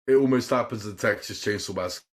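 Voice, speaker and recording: A man's voice: fairly low pitch, quick pace. A man hosting a casual chat show, talking with rambling enthusiasm and swearing freely. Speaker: podcast host.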